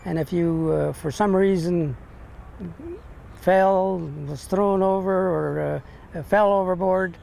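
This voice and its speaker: An older American man, a veteran, remembering his service in an interview, speaking haltingly with long hesitations and repeated words. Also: gravelly. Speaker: navy ship veteran being interviewed. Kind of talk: reminiscing in an interview. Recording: noisy, with steady background rumble.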